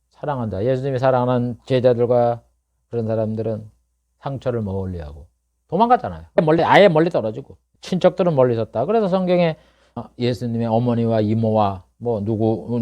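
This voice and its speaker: Korean pastor, rhetorical and emphatic. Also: male voice. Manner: conversational, asks rhetorical questions; swings from low murmurs to loud emphatic bursts. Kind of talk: expository sermon.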